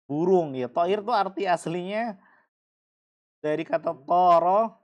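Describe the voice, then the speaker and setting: A man's voice: sits high, unhurried. A man teaching a language class, repeating and explaining each word patiently. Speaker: Arabic teacher.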